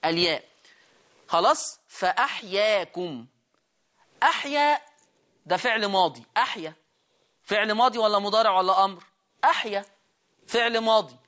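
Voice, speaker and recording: A Quran recitation teacher with an Egyptian Arabic accent explains rules during a lesson, his voice high-pitched and sharp. He puts questions to his students, repeats key words, and slows down to sound them out.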